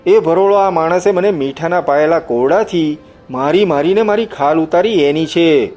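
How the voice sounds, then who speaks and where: A man's voice: on the high side, normal speed, darkish tone, faint music behind, close to an everyday voice. A man voicing a treacherous village tracker who talks in a raised, stinging, accusing voice. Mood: bitter, vengeful. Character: treacherous male village tracker, bitter and vengeful.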